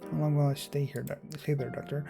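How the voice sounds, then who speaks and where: A man's voice: fairly high pitch, little pitch movement, a little fast, gravelly, over music. A man voicing a sarcastic young male patient in a wry, dry way. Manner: wry, sardonic.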